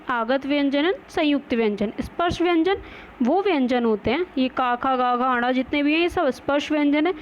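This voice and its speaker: A woman with a high voice teaches grammar. She poses questions and answers them herself, with English words mixed in. The recording sounds dull and lo-fi, with faint noise underneath. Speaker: Hindi teacher. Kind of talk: grammar lesson.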